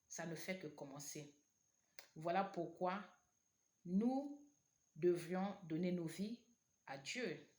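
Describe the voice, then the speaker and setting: Low-pitched woman preaching. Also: lively intonation, slow, pauses often, warm tone. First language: not French. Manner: earnest, repetitive, exhorting. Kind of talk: sermon, exhortation to online viewers. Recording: echoey room.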